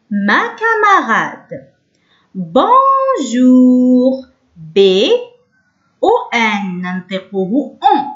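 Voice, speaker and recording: A woman teaching young children a French phonics lesson, drawing out sounds slowly. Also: fairly high pitch, muffled recording. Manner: slow, drawn-out pronunciation drills. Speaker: primary school teacher.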